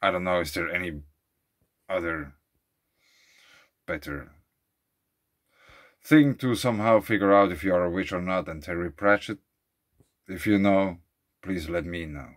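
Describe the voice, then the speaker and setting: A man with a very low voice talks through a casual vlog recorded outdoors by a lake. He reads out facts, then drifts into rambling asides, thinking aloud as he goes and trailing off. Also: measured pace, long pauses. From Switzerland. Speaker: vlogger. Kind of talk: casual musing monologue. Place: outdoors at a lakeside beach.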